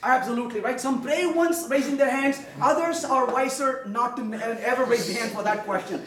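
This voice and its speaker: A man's voice: very high voice, a little fast, fairly bright tone. A man giving a live technical talk, joking with the audience and acting out little voices while he codes. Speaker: conference speaker. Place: lecture room with audience. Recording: echoey room from a distance.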